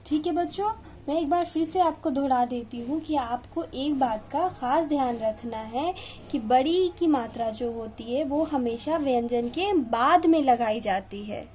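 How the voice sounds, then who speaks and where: A woman's voice: high voice, dark tone, slight background noise. A young woman teaching a kindergarten Hindi lesson, stretching out and stressing each syllable for small children. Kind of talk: slow classroom video lesson.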